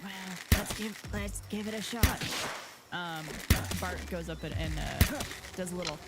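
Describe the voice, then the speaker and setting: A woman's voice: fairly low pitch, measured pace, very noisy. A woman chatting casually as a player in a tabletop role-play game. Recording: loud music behind the voice.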